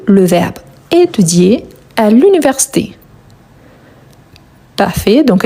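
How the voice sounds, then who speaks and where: A woman teaching French grammar, repeating each step with slow, careful dictation and brief encouragement. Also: mid-range voice, dark tone, slightly rough. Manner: slow, deliberate dictation with repetitions. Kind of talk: grammar lesson, spelled out slowly.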